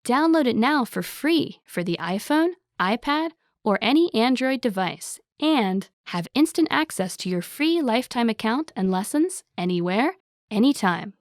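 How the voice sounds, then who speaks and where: Woman announcer, scripted promo, upbeat and salesy, slightly high voice, dry studio sound. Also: animated, measured pace, no room sound.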